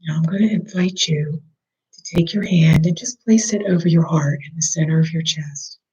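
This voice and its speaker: A soft-spoken guide leads a slow, calming breathing meditation, sometimes dropping nearly to a whisper. The voice is mid-range, and the audio sounds dull.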